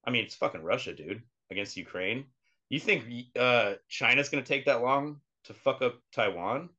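A man's voice: medium pitch, expressive, normal speed, sharp tone, muffled recording. A man co-hosting a podcast in casual chat, blunt and profane, laughing often. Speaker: podcast co-host.

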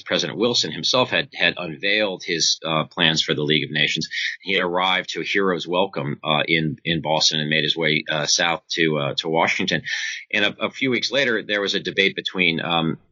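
A low-pitched man answers interview questions in a measured, scholarly way, pausing often mid-thought. His tone is strikingly crisp-edged and forceful, on a dry but slightly dull recording. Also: no echo. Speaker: interviewed author and foreign policy scholar.

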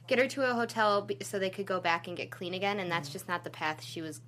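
A woman's voice: medium pitch, quick pace, fairly bright tone, slight background noise. A woman co-hosting a podcast, chatting casually and reacting with feeling. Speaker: podcast co-host. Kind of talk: casual chat.

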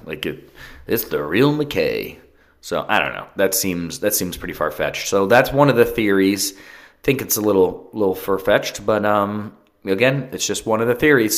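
A man hosting a casual podcast, chatty and self-deprecating, with rambling asides. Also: lowish voice. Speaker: podcast host. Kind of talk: casual solo podcast talk.

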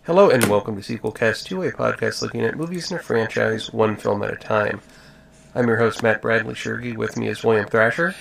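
A man hosting a podcast with casual film talk, halting as he searches for details. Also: on the low side, vocal fry, fairly bright tone, faint music behind. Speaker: podcast host.

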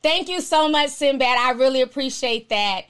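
A woman's voice: high voice, animated, normal speed, fairly bright tone, clear, resonant tone. A woman hosting a live stream, chatting casually and answering viewer comments in a sassy, blunt, slangy, outspoken way.

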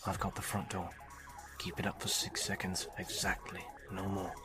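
A terse male squad leader barks short, clipped orders, as a narrator plays him. His voice sits low and barely moves in pitch. Music plays underneath. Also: flat delivery, lightly acted. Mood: hushed. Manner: clipped, quick tactical commands.

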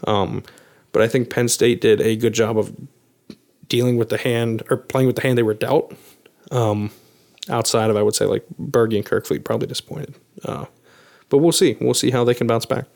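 A man's voice: medium pitch, steady tone, moderate pace, creaky, a little mellow. A man co-hosting a sports podcast, breaking down results analytically with frequent "um" and "you know" fillers. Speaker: podcast co-host.

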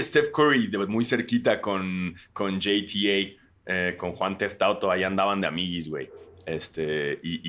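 Hungover Mexican man, lowish voice. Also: sharp tone. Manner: slangy, playfully swearing. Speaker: podcast co-host. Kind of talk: casual podcast banter.

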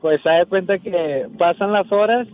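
A man telling a lively anecdote as a guest on a radio show, recorded with muffled lo-fi sound. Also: high-pitched, normal speed, soft background music. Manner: lively storyteller, quoting others.

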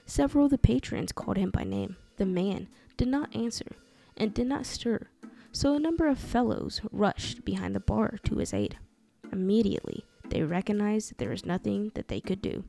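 A woman reading a dark folk tale aloud in a measured, dramatic storytelling style. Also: medium pitch, animated, gravelly. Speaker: narrator. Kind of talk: scripted storytelling narration. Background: soft music.

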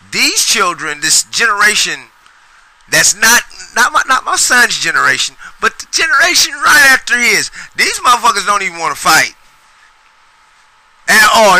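Middle-aged male podcast host, high bright voice, rambling profane solo rant. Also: vocal fry, rough recording. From Sacramento, US. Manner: profane, rambling, emphatic with repetitions.

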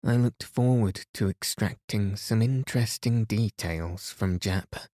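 A man narrating a sleep story in a calm, soothing and gently guiding manner. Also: on the low side, a little slow, no room sound, studio quality. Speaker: sleep podcast host and narrator.

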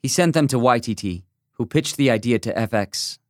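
A man reads a first-person magazine essay in a measured, reflective way. His voice sits in an ordinary middle register. The recording is close and dry, with no room sound. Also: medium pitch, animated, darkish tone, no room sound. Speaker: essay reader. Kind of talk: scripted narration of a magazine essay.

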